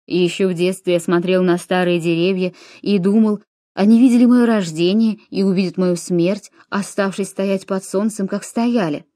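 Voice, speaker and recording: A woman's voice: medium pitch, steady tone, moderate pace, dark tone, no echo, studio quality, close to an everyday voice. A woman reading as a weary, aging Roman commander. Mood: awed.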